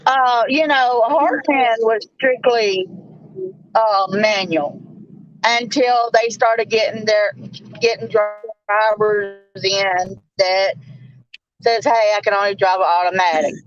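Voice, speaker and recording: A woman talking in a halting, hesitant way over a video call whose audio keeps glitching and breaking up. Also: mid-range voice, steady tone. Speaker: call-in panelist. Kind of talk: casual chat on a video call. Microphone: remote video call. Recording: dull lo-fi call line.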